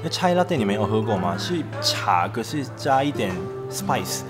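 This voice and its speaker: A man's voice: mid-range voice, very animated, normal speed, over music. A young man from Japan, a native Japanese speaker, chatting casually in Japanese-accented Mandarin as a vlogger. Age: young adult. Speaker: travel and food vlogger. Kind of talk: casual vlog chat.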